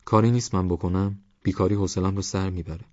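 A man's voice: deep voice, steady tone, a little mellow, dry recording, muffled recording, lightly acted. A man voicing a polite young man, a grandson, who talks in a courteous, mildly protesting way in an audiobook.

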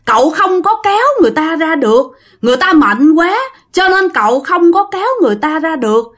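A woman's voice: sits high, animated, fairly quick, fairly bright tone, pitched above the performer's own voice. A woman voicing an unseen male uncle spirit who urgently pleads with a child. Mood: urgent pleading.

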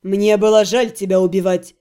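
A woman voicing an arrogant, cruel young male necromancer in an audiobook, with a low, menacing, self-satisfied drawl. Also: fairly even intonation, moderate pace, warm tone, lightly acted.

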